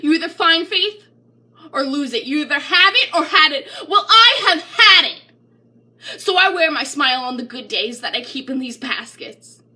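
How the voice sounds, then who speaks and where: Reading her poetry aloud, this woman uses a high-sitting voice with lively intonation at a moderate pace. The performance is dramatic and emotionally charged, swinging theatrically from near-whispers to outcries.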